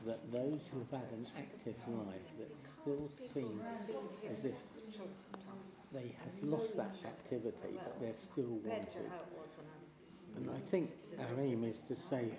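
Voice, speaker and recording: A man's voice: medium pitch, lively intonation, takes it slowly. A man in his eighties from a church pastoral team, talking in a chatty, rambling way and laughing often. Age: 80s. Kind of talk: casual panel conversation. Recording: roomy church with crowd noise.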